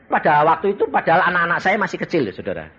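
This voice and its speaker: Animated older Javanese-accented preacher. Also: male voice, fairly high pitch, fast. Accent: Javanese-tinged Indonesian. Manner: animated, swings from soft asides to loud exclamations. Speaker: evangelist preacher. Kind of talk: sermon with personal testimony. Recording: slightly dull sound with faint background noise.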